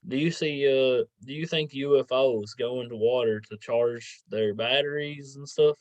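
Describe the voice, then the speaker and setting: A man hosting a casual interview podcast, speaking informally and a bit haltingly. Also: mid-range voice, no room sound. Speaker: podcast host. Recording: dull lo-fi sound.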